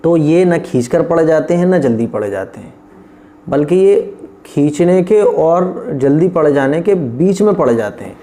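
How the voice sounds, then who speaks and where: A man teaching Quran reading as a patient lesson. He repeats each point and drills letter sounds slowly, one at a time. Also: a little high, lively intonation, warm tone. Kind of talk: patient classroom explanation with slow drilled recitation.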